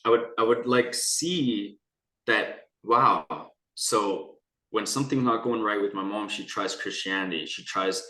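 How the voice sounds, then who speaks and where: A man's voice: on the low side, a little slow, bright, forceful tone. A young man from Canada telling his personal story in a candid conversation, rambling and earnest with many restarts. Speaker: guest. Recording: echoey room.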